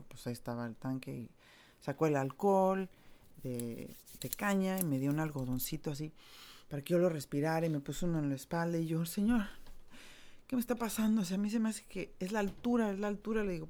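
A woman with a Mexican accent recounting a personal story in a casual, candid way. Her voice sits somewhat low and sounds soft and warm. She drops slang and swear words freely and speaks with open feeling.

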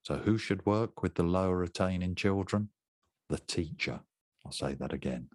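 A man's voice: low-pitched, expressive, fairly quick, darkish tone, no room sound, studio quality. A man in his sixties giving an instructional talk to teachers, emphatic and conversational, repeating his key points. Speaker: education trainer.

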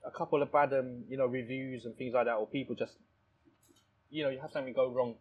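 A man's voice: medium pitch, steady tone, quick pace, slightly rough, narrow, tinny audio. A man from Thailand who owns a restaurant, talking in a casual interview with many restarts and "you know"s. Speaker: restaurant owner. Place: his restaurant, indoors.

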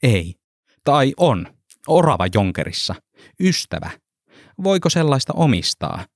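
Man doing a polite, hesitant quiet man. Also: medium pitch, big pitch swings, no room sound, clean studio sound, voice pushed up. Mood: mild polite. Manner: polite, hesitant, brief replies. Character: polite, mild-mannered man of few words.

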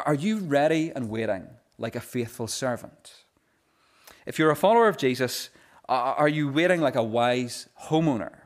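Earnest man preaching a sermon. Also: medium pitch. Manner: earnest, repeats words at the start of phrases. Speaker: pastor.

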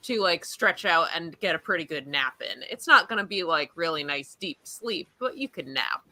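Podcast lady, lowish voice but bright, swoops all over, matter-of-fact. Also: expressive, moderate pace, poor audio. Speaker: podcast co-host. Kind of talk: casual chat.

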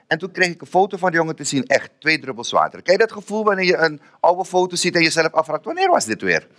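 A man of Surinamese descent hosting a live event, telling stories in an animated, self-mocking way and often repeating words. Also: fairly high pitch, fast talker. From Surinamese family. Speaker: event host. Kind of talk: comic stage storytelling.

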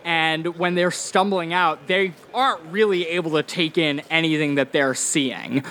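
A man's voice: on the high side, measured pace, slight background noise. A man narrating a tabletop horror game as game master, telling the scene with animation. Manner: animated storyteller.

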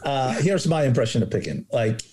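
A man's voice: medium pitch, lively intonation, brisk, over a noisy crowd. A man co-hosting a casual podcast interview, with a dry, wry delivery and hesitant fillers. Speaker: co-host.

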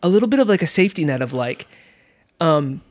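A man's voice: fairly high pitch, big pitch swings, brisk, a little mellow. A man in his thirties hosting a podcast, talking casually in a chatty, self-mocking way. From Michigan. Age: 30s. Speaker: podcast host. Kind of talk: casual conversation.

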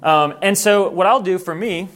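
A man's voice: high-pitched, normal speed, fairly bright tone. A man who grew up in Thailand, giving an earnest, informal training talk to missionaries and correcting himself as he goes.

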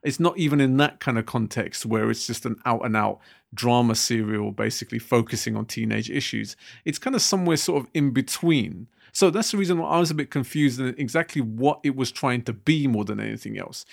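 A young British man co-hosts a casual podcast discussion, thinking aloud and circling back with lots of restarts and fillers. His gravelly voice is medium in pitch and a little fast.

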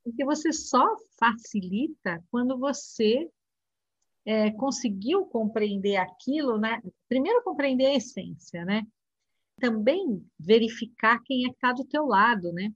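Brief: woman teacher, husky voice, storyteller, dry muffled remote audio. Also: on the high side, animated, unhurried, no echo. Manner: storytelling, acts out classroom chatter. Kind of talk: casual conversation.

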